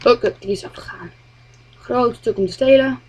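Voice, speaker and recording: A woman muttering commentary while playing a game, swearing a lot and often speaking quietly. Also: on the high side, normal speed, slight background noise. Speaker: gamer. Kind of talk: gameplay commentary.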